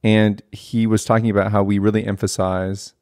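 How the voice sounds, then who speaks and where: A man's voice: lowish voice, flat delivery, normal speed, darkish tone, no room sound, clean studio sound. A young man hosting a podcast, talking in a reflective, earnest, casual way. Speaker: podcast host. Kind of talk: casual conversational podcast talk.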